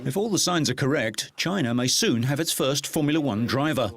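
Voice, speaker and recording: A man reading scripted motorsport news narration in a measured, even delivery. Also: mid-range voice, soft background music. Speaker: news presenter.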